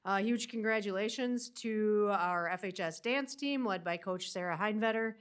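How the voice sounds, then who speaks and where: A woman's voice: mid-range voice, moderate pace, clear, resonant tone. A woman with a nasal voice from a winter cold, giving a superintendent's upbeat update at a school board meeting. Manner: upbeat, with many fillers.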